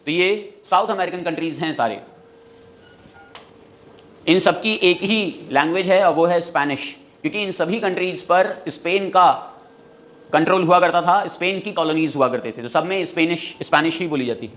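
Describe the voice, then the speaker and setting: A male teacher giving a classroom lesson, running through countries and their capitals in a quick, steady rhythm and mixing Hindi with English phrases. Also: high-pitched.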